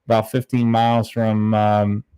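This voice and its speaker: A man's voice: on the low side, monotone, measured pace, warm tone, clear, resonant tone, dry recording, clean studio sound. A man from southern Ohio hosting a casual fishing livestream, talking in a laid-back, rambling way from a small bare room at home. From southern Ohio, United States. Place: very small, bare-walled home room used as a studio, slightly echoey.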